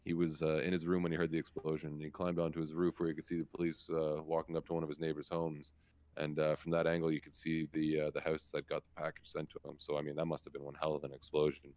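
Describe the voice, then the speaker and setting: A man's voice: extremely low pitch, monotone, quick pace, a little mellow, dry recording. A man co-hosting a casual talk show, chatting loosely and reading news items aloud with stumbles and asides. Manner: casual, laughs, swears, reads news with stumbles. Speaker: podcast co-host.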